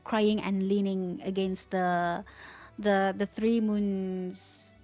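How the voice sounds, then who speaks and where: A woman's voice: medium pitch, little pitch movement, very slow, warm tone, soft background music. A woman streamer reading game lore aloud, stumbling over words and breaking off to react.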